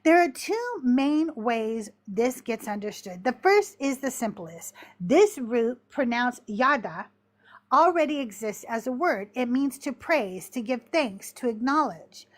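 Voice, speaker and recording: A woman hosting a live-streamed talk, explaining scripture in a measured, reflective way, a little short of breath. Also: on the high side, sing-song. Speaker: podcast host teaching on scripture.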